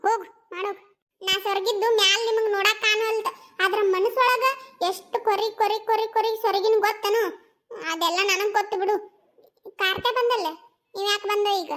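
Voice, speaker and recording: A woman's voice: very high-pitched, steady tone, fairly quick, a bit bright. A woman voicing bickering village women in a cartoon family, with a North Karnataka accent. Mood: fussing. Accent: North Karnataka Kannada. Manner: scolding, teasing banter.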